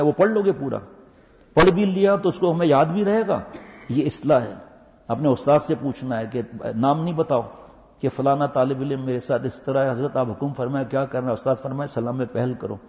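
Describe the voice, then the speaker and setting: An older man giving a religious talk to madrasa students, telling stories with impassioned swings between loud urging and slow hushed passages. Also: on the high side. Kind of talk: Urdu religious talk with anecdotes. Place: mosque or madrasa hall. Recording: echoey hall, dull lo-fi recording.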